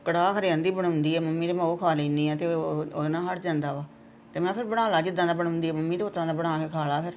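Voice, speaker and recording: Woman acting fast-talking, exasperated Punjabi mother. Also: low voice, steady tone, darkish tone, slight background noise, natural voice. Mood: explaining. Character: exasperated village mother of the household. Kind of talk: amateur Punjabi family web drama.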